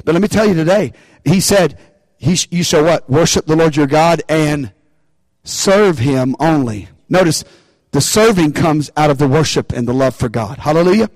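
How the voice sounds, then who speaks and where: A man's voice: fairly high pitch, animated, normal speed, darkish tone, dry recording, low-quality recording. A man preaching a sermon, calling out to the congregation for responses and rising into bursts of emphasis. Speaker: pastor.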